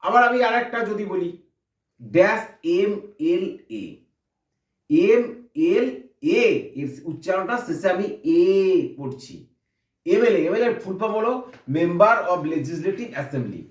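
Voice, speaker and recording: A man's voice: high-pitched, big pitch swings, measured pace, echoey room, distant mic. A man teaching an English grammar lesson, explaining step by step and asking and answering his own questions.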